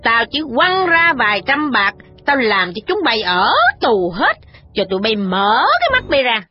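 Woman voicing a bossy older landlady, high and loud, lo-fi sound. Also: big pitch swings, normal speed, breathy edge, soft background music. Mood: furious. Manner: shouting, berating. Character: domineering older landlady, quick-tempered, scolding. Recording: dull lo-fi recording.

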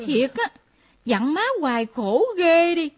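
A woman playing an excitable young adult daughter who exclaims and teases. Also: high voice. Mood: scolding. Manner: quick, exclaiming, teasing. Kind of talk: radio drama acting. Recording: dull lo-fi recording.

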